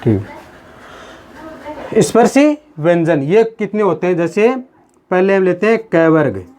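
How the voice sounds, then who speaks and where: A man teaching a grammar lesson on video. He talks slowly and repeats himself, calls the viewers his friends, and asks questions that he then answers himself. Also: high-pitched, sing-song, darkish tone. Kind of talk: video lesson explaining at a board.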